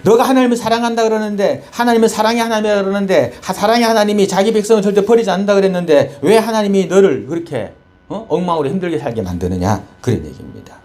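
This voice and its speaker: A man's voice: high-pitched, lively intonation, quick pace, darkish tone. A male pastor preaching a sermon, telling a story with many rhetorical questions and tag words.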